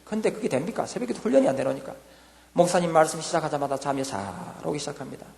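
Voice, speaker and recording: A man in his sixties with a Gyeongsang accent, a church deacon giving a lively testimony and acting out voices of himself and his wife. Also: a little high, fast talker, gravelly, long reverb tail. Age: 60s.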